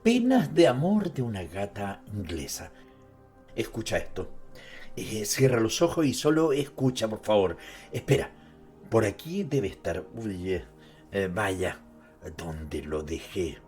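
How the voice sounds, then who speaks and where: Slow-paced, low-voiced man narrating over music. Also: big pitch swings, a little mellow. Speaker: narrator presenting an author's life and works. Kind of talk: dramatized literary narration with conversational asides. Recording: music behind the voice.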